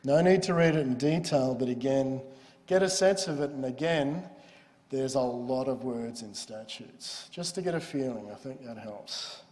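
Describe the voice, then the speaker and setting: A man's voice: medium pitch, a little mellow. Man lecturing in a reverberant hall. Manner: explanatory, conversational teaching. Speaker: law lecturer. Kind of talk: university lecture.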